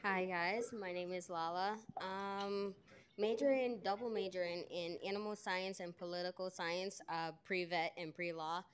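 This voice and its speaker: A young woman from Colombia, a student, introducing herself in a relaxed, hesitant way. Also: fairly low pitch, a little slow, slight background noise. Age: young adult. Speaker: student committee member. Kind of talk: self-introduction.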